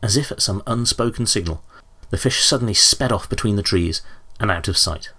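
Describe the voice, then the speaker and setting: A man reading a children's story aloud, lively and expressive. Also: fairly low pitch, brisk, breathy edge. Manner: expressive, animated character voices. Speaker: narrator. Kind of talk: audiobook storytelling.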